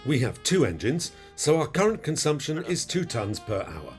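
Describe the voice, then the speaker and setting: A man's voice: on the high side, very animated, normal speed, faint music behind. A man narrating in a scripted, explanatory voice-over with an instructive manner. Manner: instructive, quizzing the viewer. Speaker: flight video narrator.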